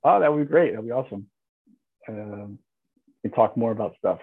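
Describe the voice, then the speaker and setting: A man's voice: fairly low pitch, expressive, normal speed, breathy edge, narrow, tinny audio. A man talking casually as a podcast guest about his film and music work, hesitant with many restarts and fillers. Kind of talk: casual interview chat.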